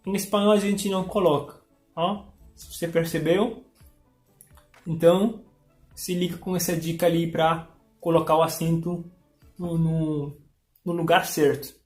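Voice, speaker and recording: A woman's voice: on the low side, steady tone, darkish tone. A woman giving an informal language lesson, patiently explaining and reading out word lists one by one. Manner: explains patiently, reads word lists slowly, tag questions. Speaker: language teacher. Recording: echoey room with faint music.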